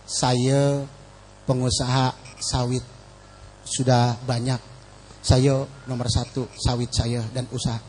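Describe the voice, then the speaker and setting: A man quoting a hushed rich businessman. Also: mid-range voice, flat delivery, slow, long pauses, slight background noise, pitched below the performer's own voice, close to an everyday voice. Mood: earnest. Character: wealthy middle-aged male businessman, earnest. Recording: echoey mosque hall.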